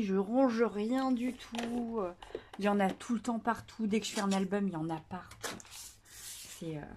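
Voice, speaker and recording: A woman's voice: medium pitch, darkish tone, slight background noise. Chatty woman hosting a craft tutorial. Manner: chatty, hesitant with many fillers, self-deprecating. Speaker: scrapbooking tutorial host.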